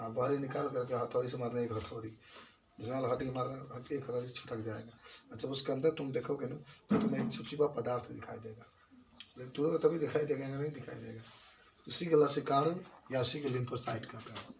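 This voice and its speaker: A male teacher lectures in a loose, colloquial way. He quizzes his class and answers his own questions at a mid-range pitch. A faint hiss of noise sits under his voice. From eastern Uttar Pradesh, India. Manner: colloquial, keeps quizzing students and answering himself. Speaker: biology teacher.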